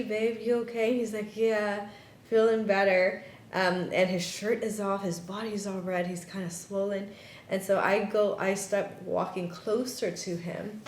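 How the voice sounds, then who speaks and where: A woman recounting a personal story to an interviewer, her voice sitting a little low. She slips in and out of quoted dialogue with animated shifts. The room echoes around her over a faint low rumble. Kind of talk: personal story told in conversation. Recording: roomy echo with faint rumble.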